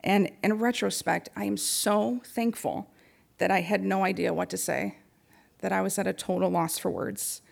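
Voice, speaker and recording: Woman with a creaky voice giving a talk. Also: medium pitch, fairly even intonation, moderate pace. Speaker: speaker giving a talk on grief support. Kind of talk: prepared public talk.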